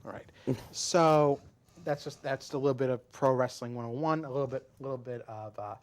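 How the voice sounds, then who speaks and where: A man's voice: medium pitch, normal speed. A man co-hosting a wrestling podcast, explaining in a rambling way and often restarting his words. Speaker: podcast co-host. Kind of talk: casual wrestling podcast chat.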